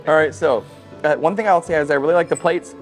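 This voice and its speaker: A man vlogging a family trip, talking fast and excitably while eating at a restaurant. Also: fairly high pitch, over music, low-quality recording. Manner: fast-talking, excitable, talks with mouth full. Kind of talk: casual chat.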